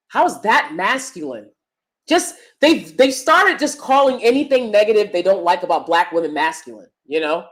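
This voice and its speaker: A woman vlogger delivers emphatic opinion commentary in a loud, projecting stage voice of fairly high pitch. She swings between loud points and soft asides.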